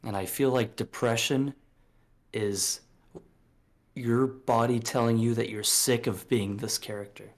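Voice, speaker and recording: Man in his late twenties, podcast co-host, blunt, preachy, swears a lot, mid-pitched voice. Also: fairly even intonation, a little slow. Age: late 20s. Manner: blunt, profane and preachy, with many fillers. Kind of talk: casual podcast chat.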